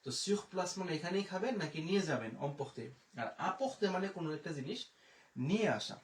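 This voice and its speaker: A man teaching French pronunciation in a live online lesson, spelling words out letter by letter and repeating each word slowly. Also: sits high, animated. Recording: echoey room, distant mic.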